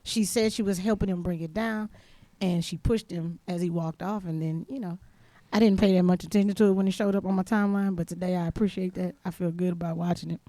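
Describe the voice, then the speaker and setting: Relaxed woman co-host. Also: on the low side, fast talker, dry recording. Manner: relaxed, laughing asides. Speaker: podcast co-host. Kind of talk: casual chat.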